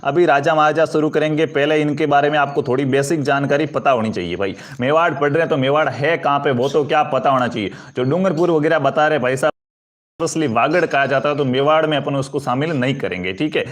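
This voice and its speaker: Speaking briskly with a somewhat high voice, this man runs an exam-prep history class where he answers his own questions. He addresses the students as friends and urges them to leave comments and likes.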